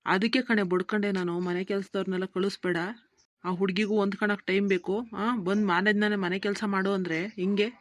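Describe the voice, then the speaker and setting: Cartoon: gruff older male politician, played by a woman, grumbling, dry close sound. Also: mid-range voice, little pitch movement, fairly quick, no echo, lightly acted. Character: stern older male politician, father-in-law. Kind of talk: cartoon voice acting.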